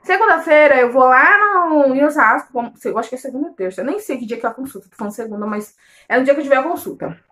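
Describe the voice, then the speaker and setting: A young woman in late pregnancy chats to her viewers in a casual home vlog. Her voice sits high and she talks in a warm, affectionate way, calling everyone her loves. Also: animated, fast talker. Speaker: vlogger. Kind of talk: casual chat.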